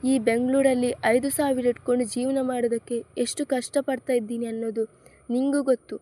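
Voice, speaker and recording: A woman's voice: on the high side, level tone, normal speed, dark tone, natural voice. Woman doing an anxious young saleswoman. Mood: distressed. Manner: distressed, tearful.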